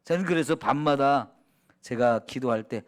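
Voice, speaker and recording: A middle-aged pastor from Chungcheong, Korea, preaches with a Chungcheong accent in a conversational style, posing questions to the congregation and answering them himself, and dropping to a soft hush when quoting prayers. His voice is medium-pitched, clear and resonant, at normal speed.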